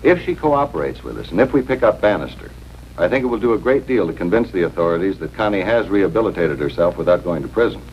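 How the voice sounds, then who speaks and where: A man's voice: sits low, animated, fast. A man playing a confident, matter-of-fact police detective in a 1950s TV broadcast drama. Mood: brisk. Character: confident middle-aged male police detective. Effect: 1950s TV broadcast sound. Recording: dull lo-fi 1950s TV soundtrack with faint hiss.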